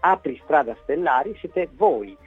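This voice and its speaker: A man gives a breezy, theatrical horoscope reading as a guest astrologer. His voice is husky and comes through a muffled phone line. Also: a little high, lively intonation, a little slow, soft background music.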